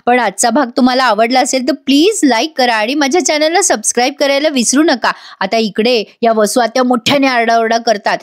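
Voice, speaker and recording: A woman narrating a voice-over recap of a TV serial episode, retelling scenes and acting out the dialogue. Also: on the high side.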